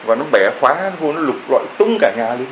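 A man's voice: medium pitch, big pitch swings, fast talker, lo-fi sound, a little hiss or hum. A man preaching a homily, telling a story and firing off rhetorical questions to the congregation.

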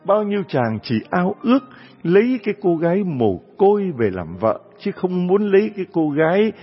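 A man telling a folk tale, with animated delivery and chuckling asides, on a dull lo-fi recording. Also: high-pitched, moderate pace, slightly rough, faint music behind. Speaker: storyteller.

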